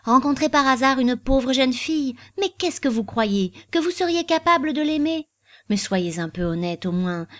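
A woman's voice: medium pitch, darkish tone, dry recording, studio quality, lightly acted. A woman reading an audiobook, voicing an old female servant who is blunt and motherly and who scolds in a rising voice. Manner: pleading then scolding bluntly.

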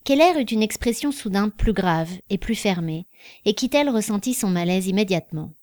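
A woman's voice: medium pitch, moderate pace, no echo. Woman reading a novel, dry sound. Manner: even, literary storytelling. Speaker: narrator. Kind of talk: audiobook reading.

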